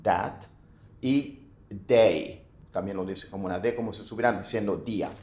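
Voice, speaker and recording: A man giving a casual video lesson on English pronunciation, animated, saying sample words first wrong and then right. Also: fairly low pitch, fast, echoey room.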